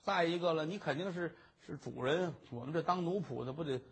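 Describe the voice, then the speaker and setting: A man's voice: a little high, creaky, breathy edge, heavily acted. A man voicing a cheeky young maidservant who teases and toys with a nervous suitor, in traditional comic storytelling. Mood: teasing. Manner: teasing, playful, quick-witted.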